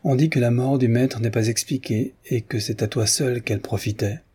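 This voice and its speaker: A man's voice: mid-range voice, brisk. A man doing a sly peasant woman. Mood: falsely humble. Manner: quiet, smooth, insinuating. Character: sly calm peasant woman, feigning humility.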